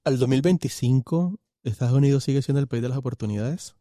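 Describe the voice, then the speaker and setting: A man hosting a podcast interview, chatting in a relaxed way and sharing personal anecdotes. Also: medium pitch, quick pace, no echo, studio quality. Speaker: podcast host. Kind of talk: conversational interview.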